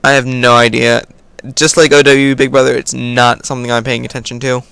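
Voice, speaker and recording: A man's voice: mid-range voice, flat delivery, a little fast, vocal fry, fairly bright tone, clear, resonant tone, dry recording. An American man hosting a casual question-and-answer video, reading viewer questions aloud and then answering in an offhand way. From United States. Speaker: video host. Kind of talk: casual Q&A vlog.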